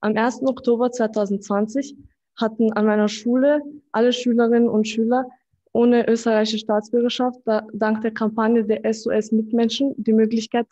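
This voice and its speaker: A young woman of eighteen reads her prepared statement at a podium microphone in a conference room. Her voice is somewhat high but mellow and soft, and she keeps it flat and even. The recording sounds a little dull. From Austria. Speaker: student speaker at a press conference.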